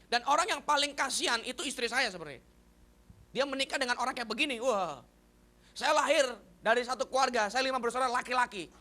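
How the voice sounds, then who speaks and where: A middle-aged male pastor, preaching a blunt and candid sermon that swings between loud shouts and soft hushed lines. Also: extremely high pitch, quick pace.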